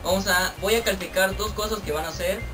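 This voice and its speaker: A man's voice: high-pitched, brisk, pushed and bright. A man with a Mexican accent acting as referee among friends, announcing in a casual mock-official way with slangy, insulting banter. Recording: distant mic, clear music behind.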